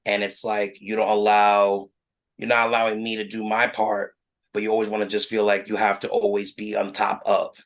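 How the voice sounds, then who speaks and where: A man co-hosting a casual podcast chat, explaining his view earnestly with many halting restarts. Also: fairly low pitch, monotone. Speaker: podcast co-host.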